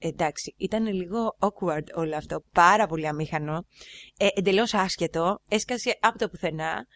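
A woman vlogger chatting casually to her viewers, retelling stories in an animated way and turning often to address the audience. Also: on the low side. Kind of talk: casual storytelling and advice to viewers.

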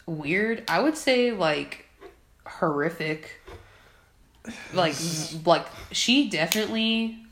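A woman co-hosting a podcast, chatting casually in a fairly low voice. She tells stories in an animated way and slips into the voices of the people she quotes. The sound is roomy, with a noticeable echo. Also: slow, long pauses, a little hiss or hum. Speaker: podcast co-host. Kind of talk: casual chat.

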